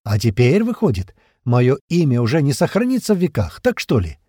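A woman's voice: extremely low pitch, sing-song, fairly quick, warm tone, no room sound, clean studio sound, exaggerated voice. A man voicing a proud, jealous queen who scolds and commands in an audiobook. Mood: angry. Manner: indignant, commanding, pleading at times.

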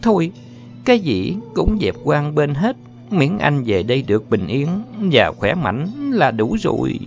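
A man doing a young woman with a raised, lively voice, coaxing and scolding a man she is fond of. She sounds like a storybook figure. The recording is slightly muffled, with faint music underneath. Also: a little high, normal speed, creaky, voice pushed up. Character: young woman, teasing and affectionate.

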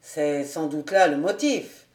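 A woman reading a novel aloud, voicing a proud young male captain in a lower, louder voice with a bitter, sarcastic edge. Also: animated, measured pace. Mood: mocking. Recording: roomy home recording.

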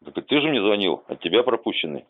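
A man from Omsk argues on a phone call, his medium-pitched voice swinging widely and lively as he taunts and swears without pause. He repeats the same needling questions again and again. The sound is thin and tinny, squeezed through a phone line. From Omsk, Russia. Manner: aggressive, mocking, swearing constantly, repeating himself. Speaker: anti-collector channel host. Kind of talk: recorded phone argument.

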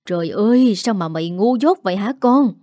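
A woman voicing a stern, scornful rich old father in a spoken story, with little change from her own mellow voice. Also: medium pitch, normal speed, no echo, clean studio sound, close to an everyday voice. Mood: scolding.

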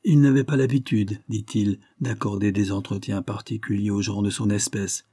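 A man narrating a novel in a steady, even audiobook reading. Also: lowish voice, normal speed, slightly rough, dry recording, studio quality. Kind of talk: scripted narration.

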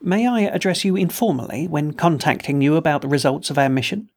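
A man voicing a human ship's doctor who speaks flatly and carefully to an alien official. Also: a little high. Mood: measured. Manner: flat, measured.

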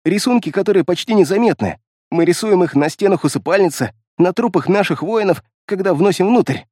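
Frantic beast-man, man doing it, high-pitched, wildly swooping, pleading and babbling, dry close sound. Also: lively intonation, a little fast, mellow, dry recording. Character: terrified, crazed male beast-man captive.

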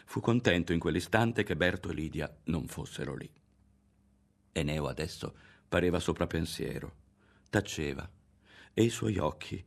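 Man, audiobook narrator, literary reading, measured and expressive, very deep, gravelly. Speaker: audiobook reader.

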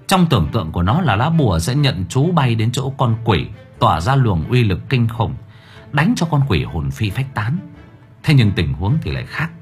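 A man narrating a fantasy audiobook in a dramatic, expressive way. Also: on the low side, moderate pace, soft background music. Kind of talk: storytelling narration.

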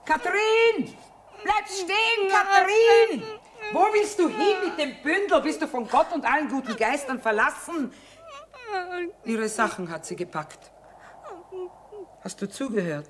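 A woman's voice: sits high, expressive, unhurried, pauses often, crowd noise. An actress playing a tough, stubborn middle-aged mother who trades from a wagon, blunt and commanding in a radio drama. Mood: alarmed calling. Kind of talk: stage-like radio drama acting.

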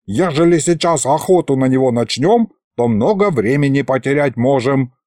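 A man voicing a self-important male ghost sorcerer who grumbles and explains gravely. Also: medium pitch, expressive, normal speed, a little mellow, dry recording, studio quality, close to an everyday voice. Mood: sulky.

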